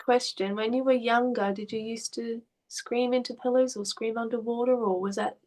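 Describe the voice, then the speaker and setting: A woman art therapist gently asking questions and explaining what a client's drawings mean. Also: a little high, fairly even intonation, normal speed, poor audio. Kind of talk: therapy session conversation.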